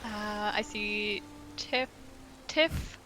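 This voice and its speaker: A woman's voice: mid-range voice, steady tone, normal speed, background noise. A woman co-hosting a live game community stream, upbeat, explaining updates and answering chat questions.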